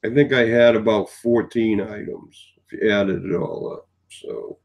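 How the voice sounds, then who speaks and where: A man's voice: lowish voice, a little slow, creaky, a little mellow. A man in his sixties, tired, chatting in a meandering, rambling way in a casual vlog. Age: 60s. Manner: meandering, chatty storytelling with many fillers. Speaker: vlogger.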